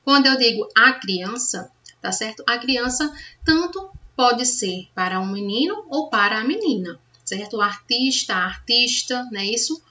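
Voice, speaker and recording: A woman's voice: a little high, lively intonation, moderate pace, pushed and bright. A woman teaching a grammar lesson, patiently checking understanding with the class as she goes. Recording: distant, dull lo-fi sound.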